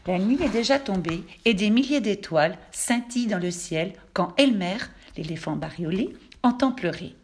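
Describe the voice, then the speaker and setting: A teacher, a woman, reading a children's storybook aloud in a clear, expressive manner. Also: medium pitch, normal speed, slight background noise.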